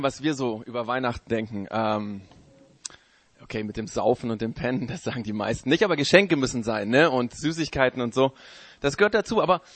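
A man talks in a relaxed, chatty way, with a few fillers and restarts. His voice sits in an ordinary middle pitch, and the sound is dry and close. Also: no echo. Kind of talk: casual explanatory talk.

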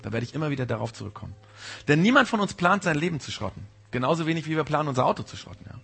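A man preaching a sermon, speaking directly and informally to the congregation and sometimes acting out a gentle inner voice that warns. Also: a little high, animated, very fast, gravelly, husky, faint music behind. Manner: mimics the Holy Spirit's gentle warning. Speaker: pastor.

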